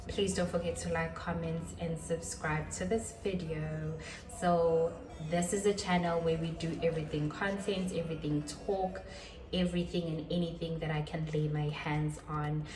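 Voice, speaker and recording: In this easygoing vlog, the twenty-something host talks in a slightly low, somewhat mellow voice, self-deprecating, quick to laugh and fond of repeating herself for emphasis. She's recorded from a distance, sitting back from the mic in a roomy, echoey space.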